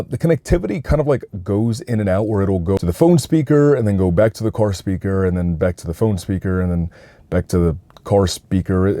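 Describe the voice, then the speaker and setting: The speaker is a Puerto Rican tech reviewer with a warm, mid-range voice. He talks through a product review in a relaxed, conversational way, often dropping "like" into his sentences.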